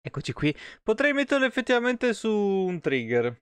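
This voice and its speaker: Streaming a game from a small home room, a man in his thirties talks casually into a close desk microphone on an arm, wandering between topics and cursing freely. He sounds high and a bit bright, smooth, with big pitch swings at normal speed and no room sound.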